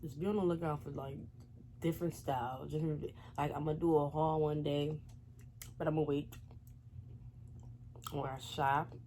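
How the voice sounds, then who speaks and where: A woman's voice: low voice, steady tone, normal speed, pauses often, mellow, a little hiss or hum. A woman vlogger talking casually and slangily to viewers while she eats, rambling between savoring hums. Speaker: mukbang vlogger. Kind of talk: casual eating-show chat to viewers.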